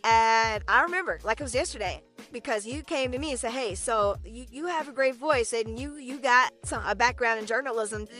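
A woman's voice: fairly high pitch, a little fast, a bit bright, faint music behind. A woman co-hosting a podcast in casual chat, chatty, repeating words and often tagging on "right?". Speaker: podcast co-host.

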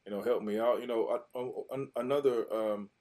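A man's voice: medium pitch, moderate pace. A man, a former pro football player, talking loosely as an interview guest and acting out old conversations as he tells them. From Mississippi, USA. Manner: animated, loose, repeats and restarts, acts out quotes. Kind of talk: casual interview storytelling.

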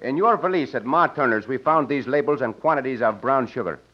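A man's voice: medium pitch, brisk, close to an everyday voice. A man playing a gallant Mexican cowboy adventurer in an old radio western, speaking with a Mexican accent and formal, courtly theatricality. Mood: accusing, assured. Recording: dull, noisy old radio recording.

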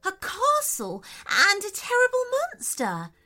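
A woman voicing a cheerful, confident mermaid in a children's story, bright and reassuring. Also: very high voice, huge pitch swings, slow pace, pitched above the performer's own voice, full character voice.

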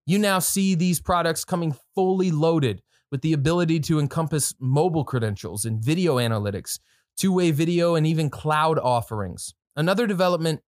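This man's fairly high voice comes through dry and studio-quality as he hosts a podcast. He offers laid-back product commentary, sprinkling in slangy asides and occasionally reading from notes.

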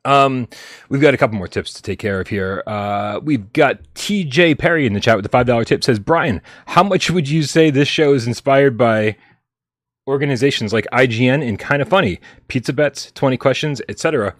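A man's voice: mid-range voice, expressive, fairly quick, dry recording, studio quality. A man hosting a casual live gaming stream, joking with his co-host and reading out viewer tips, often restarting his sentences. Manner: laid-back, jokey, stumbles and restarts. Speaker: podcast host.

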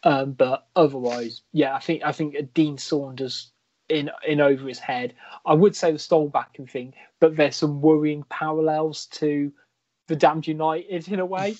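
A man's voice: a little high, fairly even intonation, moderate pace, darkish tone, no echo, dull audio. A man co-hosting a casual football podcast, rambling and hedging as he thinks aloud. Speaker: podcast co-host.

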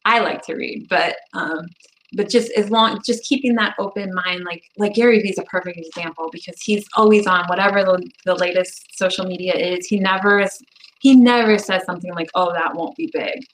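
A woman's voice: mid-range voice, fairly even intonation, a little fast, slight background noise, low-quality recording. Chatty woman host, casual interview. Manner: chatty, encouraging, frequent "like" fillers. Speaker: podcast host.

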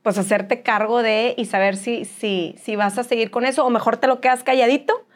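A woman with a Mexican accent, speaking as an interview guest and telling her personal story in an animated way. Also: a little high, moderate pace. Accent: Mexican Spanish. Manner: animated, acts out other people's lines. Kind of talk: candid conversational storytelling.

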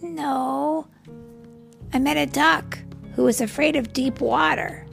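A woman's voice: high voice, slow pace, gravelly, faint music behind, pitched above the performer's own voice, exaggerated voice. Woman doing a timid little boy turtle. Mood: earnest. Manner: polite, pleading.

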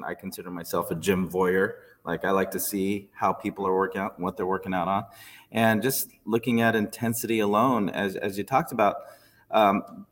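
A man hosting a casual chat, self-deprecating and quick to laugh. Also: lowish voice, big-room sound.

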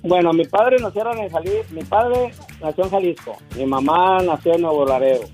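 A man calling into a radio show, speaking in a halting, hesitant way and repeating himself. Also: high-pitched, a little mellow, soft background music. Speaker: radio caller. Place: San Diego, California.

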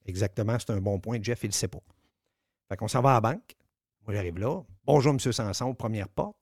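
A lowish male voice with a Quebec French accent, spinning a story in casual radio chat. He's animated, swears freely and acts out every bit of dialogue. The studio sound is dry and close. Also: brisk, no echo. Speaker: radio show regular telling a story.

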